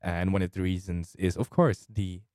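A man's voice: low voice, fairly even intonation, moderate pace, a little mellow, no echo, studio quality. A man co-hosting a podcast, giving opinions with joking asides in casual talk. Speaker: podcast co-host. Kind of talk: casual discussion.

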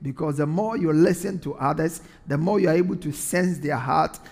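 A man's voice: fairly high pitch, moderate pace, vocal fry, a little mellow, in a large hall. A man preaching a sermon in an earnest way, repeating phrases for emphasis.

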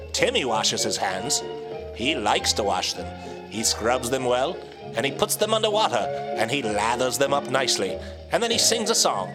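A man putting on a British accent to narrate a prim mock educational documentary in a lively sing-song way. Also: medium pitch, voice pushed down, natural voice. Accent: put-on British.

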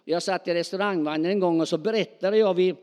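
A middle-aged man preaching a sermon, talking spontaneously and calling out questions to the congregation in a church hall. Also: high voice. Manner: animated, spontaneous, calls out to the congregation. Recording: long hall reverb.

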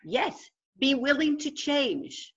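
A woman's voice: sits high, very animated, takes it slowly, dull audio. A woman with a New York accent giving conversational advice as an interview guest, emphatic and instructive, repeating phrases for emphasis. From New York, United States. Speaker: interview guest, consciousness coach and teacher.

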